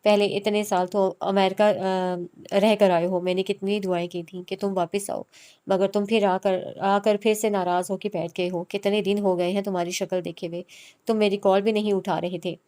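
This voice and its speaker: A tearful middle-aged mother pleading with her grown son, read by a woman. Her voice is clear and smooth, with a crying, imploring tone in a storybook reading. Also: mid-range voice, flat delivery, mellow, close to an everyday voice.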